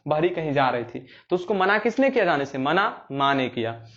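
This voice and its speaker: Young guy teaching exam tricks, high voice, jokey storytelling, kinda dull lo-fi sound. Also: very animated, normal speed, a bit bright. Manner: playful storytelling, acts out little scenes in rustic dialect. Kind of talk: explaining memory tricks for exams.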